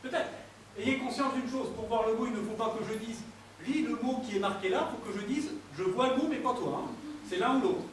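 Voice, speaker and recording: A stage mentalist with a strikingly high voice works through his act in a theater, teasing and joking with volunteers in front of an audience. He talks briskly and sounds distant from the mic, his voice bouncing around a very echoey hall with room ambience audible behind him and a faint hiss or hum.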